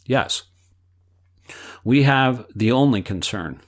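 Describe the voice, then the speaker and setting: A man reading aloud the answers of an elderly male spiritual teacher, in a measured way that speaks the quote marks aloud. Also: medium pitch, animated, voice pushed up. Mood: explaining.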